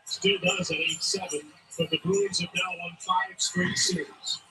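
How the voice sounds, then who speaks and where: A man's voice: sits high, steady tone, measured pace, low-quality recording. A man giving television hockey commentary, heard from a broadcast. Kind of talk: sports commentary. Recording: TV broadcast audio with music behind.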